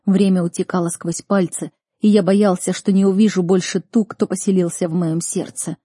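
A woman reads a first-person audiobook with earnest expression. Her voice is low, warm and slightly husky, in a dry, close recording. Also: steady tone, normal speed, no echo. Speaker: audiobook narrator.

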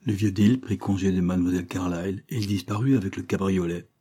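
A man narrating an audiobook in a measured storytelling manner. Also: sits low, fairly even intonation, mellow, husky. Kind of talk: scripted narration.

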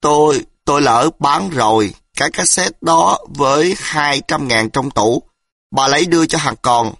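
A man's voice: a little high, measured pace, gravelly, a bit bright, no room sound, clean studio sound, voice pushed up, full character voice. A man voicing a frightened, greedy older man who stammers, his voice breaking. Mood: cowed, stammering.

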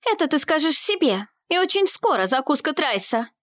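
A woman voicing a bold, sharp-tongued young female warrior in a storybook reading. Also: sits high, animated, fast, pitched above the performer's own voice. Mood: urgent.

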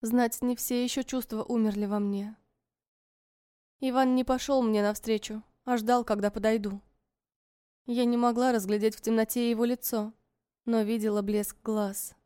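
A woman narrating a story in the first person, in a soft, measured and wistful way. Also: on the high side, little pitch movement, clean tone, no room sound, clean studio sound.

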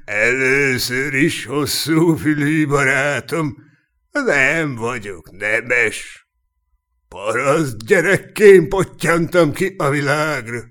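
A cynical, boastful knight of humble birth, full of mockery and earthy jokes, as a man reads him in an audiobook. He talks in a middling, ordinary pitch and chuckles at his own stories. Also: lively intonation, fairly bright tone, close to an everyday voice. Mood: mocking. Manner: mocking, chuckling, earthy storyteller. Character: cynical boastful human knight, commoner-born, sharp-tongued. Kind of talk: audiobook character reading.

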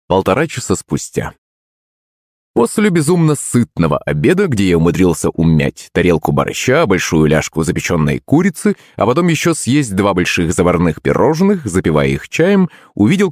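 A man narrating an audiobook in an expressive way. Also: low-pitched, no room sound, clean studio sound.

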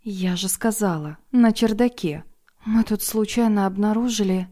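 A woman voicing an indignant, sharp-tongued middle-aged woman who talks loudly and sarcastically. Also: medium pitch, normal speed, voice pushed up, close to an everyday voice. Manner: loud, exasperated and sarcastic.

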